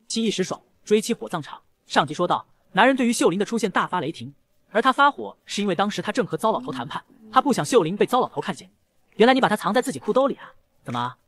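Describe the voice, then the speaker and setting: A man's voice: sits high, slightly rough. A man narrating a comic recap at speed, reading every character's lines himself. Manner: rapid, lively, voices both lovers in dialogue. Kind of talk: fast scripted story narration with acted dialogue.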